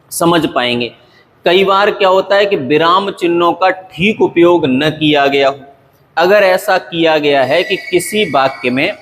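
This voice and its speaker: A man teaching grammar in a patient classroom lecture, repeating points and checking in often, slowing down to read example sentences with careful pauses. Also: on the high side, fairly bright tone, slight background noise. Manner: patient, repetitive explaining with frequent "okay" check-ins. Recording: long hall reverb.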